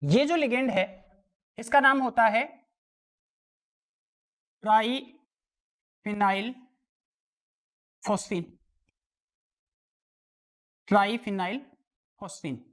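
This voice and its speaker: Woman, chemistry teacher, higher-pitched voice, quizzes class and answers herself. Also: expressive, moderate pace, fairly bright tone. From India. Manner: asks students questions and answers them herself. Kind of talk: classroom lesson explaining worked exam problems.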